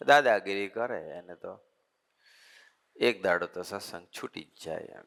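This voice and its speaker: A man's voice: low-pitched, measured pace, gravelly, fairly bright tone. A man, a monk giving a conversational sermon, talking in a folksy way and repeating his points as lists. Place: assembly hall. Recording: long hall reverb.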